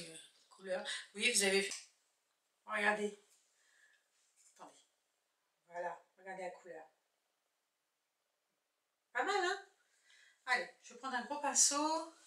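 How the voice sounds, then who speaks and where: A woman's voice: mid-range voice, bright, forceful tone, recorded from a distance. Chatty woman in an echoey room. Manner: chatty, thinks aloud while showing products. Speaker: makeup vlogger. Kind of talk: casual makeup tutorial chat. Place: indoors at home, husband filming.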